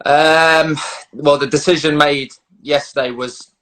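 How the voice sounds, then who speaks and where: A man's voice: fairly high pitch, steady tone, unhurried, a bit bright, rough recording. A man with a London accent talking casually as an interviewed footballer, matey and slangy with hesitant phrasing, on a video call. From London, England.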